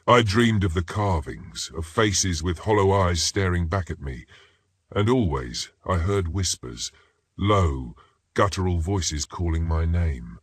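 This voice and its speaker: Deep, husky horror story narrator. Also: male voice, fairly bright tone, no room sound, clean studio sound. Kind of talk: scripted first-person narration.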